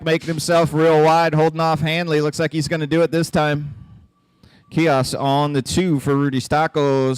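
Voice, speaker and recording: A man calls races live over a microphone in a fairly high, smooth voice. His play-by-play is folksy and joking, and his voice is starting to crack. The sound is dry and close. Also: dry recording. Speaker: track announcer. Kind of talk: live race commentary.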